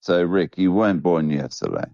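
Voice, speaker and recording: A man's voice: low-pitched, sing-song, normal speed, vocal fry, mellow, no room sound, dull audio. A man in his fifties co-hosting a casual podcast, stammering and repeating words as he trails off. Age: 50s. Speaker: podcast co-host. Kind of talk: casual chat.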